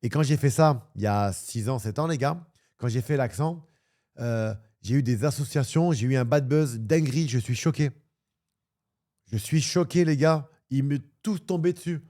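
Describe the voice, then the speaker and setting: Rambling man chatting on a livestream, mellow voice. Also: medium pitch, normal speed. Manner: rambling, crude swearing, animated and joking. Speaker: streamer and football pundit. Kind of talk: casual livestream chat.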